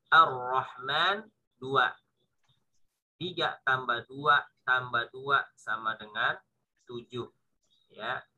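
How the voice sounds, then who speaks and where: An Indonesian man teaches Quran recitation in a bright, ringing voice pitched a little high. He speaks slowly and patiently, stretching out each syllable of the verses he models. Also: rough recording. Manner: slow, patient, drawn-out demonstrations of recitation. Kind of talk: online tajwid lesson.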